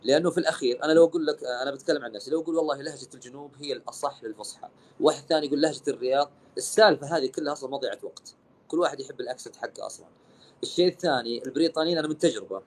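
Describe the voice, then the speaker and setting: A young man with a Saudi accent hosting a casual live stream, mixing Arabic and English. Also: mid-range voice. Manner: fast, animated, mixes Arabic and English.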